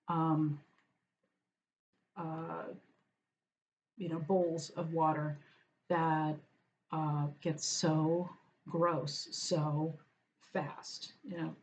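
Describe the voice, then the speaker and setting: A woman with a slightly low voice talks in a loose, rambling way, as if chatting over lunch at home. She drifts from point to point and now and then turns aside to speak to her cat. The recording is a little dull and lo-fi. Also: darkish tone, a little hiss or hum. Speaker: vlogger. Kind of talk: casual chat over lunch.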